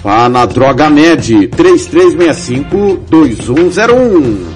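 A man's voice: a little high, expressive, slow. A Brazilian man reading a local radio advertisement as an announcer. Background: clear music bed.

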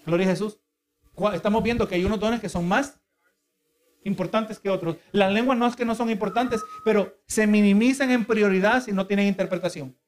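High-voiced man preaching a sermon. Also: fairly quick. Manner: asks the congregation for agreement again and again; earnest, explanatory, with repeated restarts.

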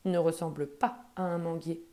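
A woman voicing a cautious mother who speaks slowly and carefully in a storybook reading. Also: lowish voice, fairly even intonation, mellow, natural voice.

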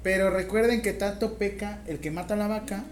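A woman with a Mexican accent teaching a classroom of nursing students, lively and teasing, asking them questions directly. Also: medium pitch, moderate pace, slight background noise. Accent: Mexican Spanish. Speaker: nursing instructor. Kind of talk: classroom lecture.

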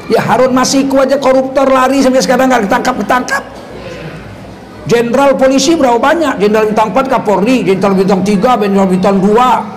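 With a very high voice, this man preaches Islam in a lecture that mixes religion with sarcastic political jabs and rhetorical questions to his listeners. He comes from North Sumatra, Indonesia. A little hiss or hum can be heard.

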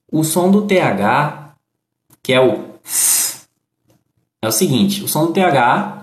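A man with a Brazilian accent teaching English phrases and pronunciation in a live online lesson, explaining patiently step by step. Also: medium pitch. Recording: echoey room.

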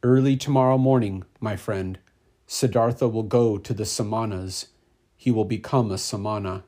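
A man voicing a calm, resolute young seeker in a storybook reading, speaking quietly and firmly. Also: on the low side, normal speed, lightly acted.

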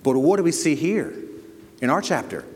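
A man's voice: on the high side, big pitch swings, moderate pace, slightly rough, big-room sound. A man preaching a sermon as pastor, asking rhetorical questions and leaning hard on key words. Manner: preaching with rhetorical questions and sudden loud emphasis.

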